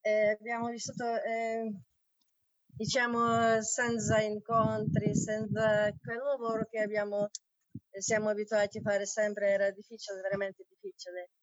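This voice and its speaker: Ukrainian woman guest on a phone line, dull dry lo-fi audio, halting delivery. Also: mid-range voice, flat delivery, dry recording. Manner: halting, searching for words. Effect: heard over a phone line. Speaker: community representative, guest. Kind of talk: live remote interview.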